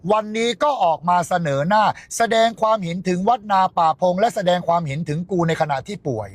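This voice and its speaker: A man's voice: sits high, expressive, fairly quick. A man on a livestream, ranting in a coarse, taunting and mocking way. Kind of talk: angry livestream rant.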